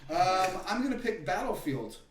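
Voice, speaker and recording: A man's voice: high-pitched, moderate pace, soft background music. A young man hosting a casual podcast, moving the talk along between turns and dismissing bad films. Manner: lively, moderates turns, dismissive. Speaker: podcast host running the topics. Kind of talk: casual chat. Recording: echoey room, far from the mic, noisy.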